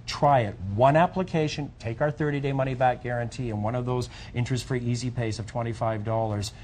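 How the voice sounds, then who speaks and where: Middle-aged guy as a home shopping host, chatty repetitive pitch, bit of noise behind him. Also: fairly even intonation, a little fast, darkish tone. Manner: chatty, repetitive, urging the listener directly.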